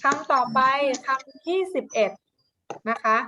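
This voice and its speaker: A woman teacher giving a dictation lesson to children, repeating each word slowly and syllable by syllable, with a coaxing, affectionate manner. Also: high voice, highs cut off, noisy background. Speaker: primary school teacher.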